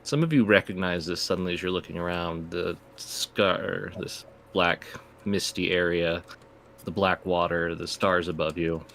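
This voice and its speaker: A man's voice: deep voice, fairly even intonation, unhurried, vocal fry, a bit bright, slight background noise. A man working as game master, improvising descriptive narration for a tabletop role-playing game.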